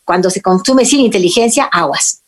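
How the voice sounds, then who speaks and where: A woman's voice: medium pitch, moderate pace. A middle-aged woman with a Mexican accent who hosts a radio talk on parenting and faith and speaks earnestly and emphatically to her listeners. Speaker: radio host.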